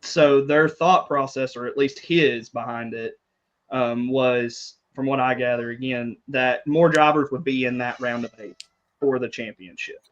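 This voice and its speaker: A man's voice: mid-range voice, fairly even intonation, a little slow, muffled recording. A man co-hosting a podcast in casual chat, thinking aloud and hedging his points. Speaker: podcast co-host.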